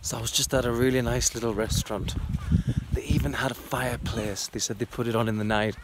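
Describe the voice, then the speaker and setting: Casual, self-deprecating male hiker talking to a handheld camera outdoors, mid-pitched, faint ambient noise. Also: steady tone, fairly quick. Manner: chatty, self-deprecating, rambling. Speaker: trekking vlogger. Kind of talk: casual vlog narration while hiking. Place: outdoors on a mountain trail.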